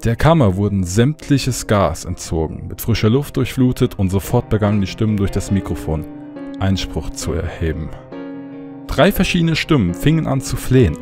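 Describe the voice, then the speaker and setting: Tiefer, dunkler Horror-Erzähler. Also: male voice, deep voice, warm tone. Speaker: narrator. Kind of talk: scripted horror story narration.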